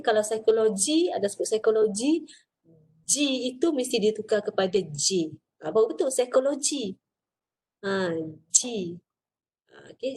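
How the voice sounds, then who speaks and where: Malaysian lecturer, female, mellow and warm tone, talks through points with "okey" fillers. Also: mid-range voice. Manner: explains step by step, many fillers and "okey". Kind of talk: recorded lecture.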